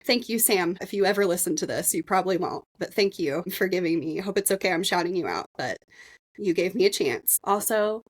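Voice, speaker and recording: A woman's voice: lowish voice, animated, brisk. Earnest, emotional woman podcast host. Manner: earnest, emotional, talks directly to listeners. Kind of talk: casual personal storytelling.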